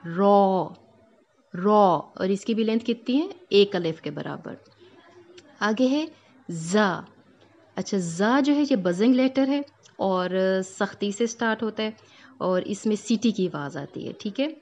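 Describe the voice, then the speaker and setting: Her voice is medium-pitched and darkish, with lively intonation, as she teaches the rules of Quran recitation. In this Tajweed lesson she goes letter by letter with patience, stretching the sounds as examples and frequently checking that the listener is following.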